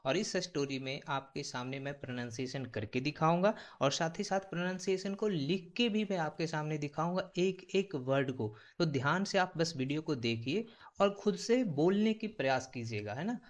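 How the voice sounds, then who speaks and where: A man with an Indian accent teaching English in a lesson, drilling words slowly and repeating them to stress the pronunciation. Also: fairly high pitch. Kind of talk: slow spoken English lesson.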